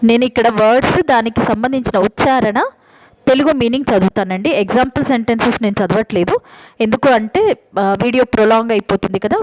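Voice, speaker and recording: Woman, Telugu accent, English teacher, vocabulary lesson, somewhat high voice, brisk chatty explaining. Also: poor audio. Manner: quick, chatty explaining, then steady list reading. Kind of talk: vocabulary lesson, reading word lists.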